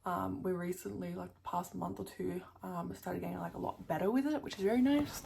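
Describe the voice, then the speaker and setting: A woman's voice: lowish voice, brisk, creaky, darkish tone, a little hiss or hum. A young woman chatting casually to camera as a vlogger, full of fillers and casual swearing, her speech a little thick from a new tongue piercing.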